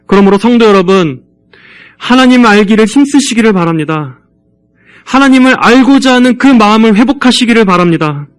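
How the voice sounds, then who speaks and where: A male pastor delivering a church sermon, earnestly urging the congregation in a measured way. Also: high-pitched, lively intonation, smooth.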